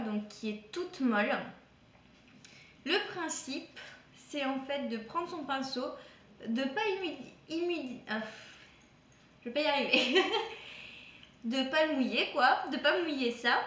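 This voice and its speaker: A woman's voice: high voice, fairly bright tone, reverberant. A woman vlogger casually reviewing products from a shopping haul, chatty and hesitant, with frequent fillers and restarts. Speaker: beauty vlogger.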